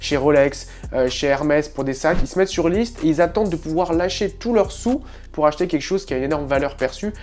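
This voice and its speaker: A man's voice: a little high, a little fast, a little mellow. A young man hosting a casual podcast as a fitness coach, talking emphatically with many filler sounds.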